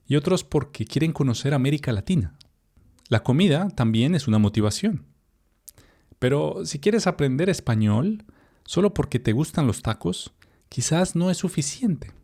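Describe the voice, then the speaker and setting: This Spanish teacher, a young man from Colombia, speaks with a Colombian Spanish accent and a voice on the higher side at normal speed. Reading a learner text, he stays casual and talkative, sprinkling in fillers and remarks to the viewer.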